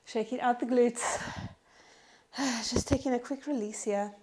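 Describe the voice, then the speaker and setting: A woman with a fairly high, evenly inflected voice leads a Pilates strength workout at an unhurried pace, with background noise present. Out of breath, she cues each move, counts reps and offers encouragement as she guides the session.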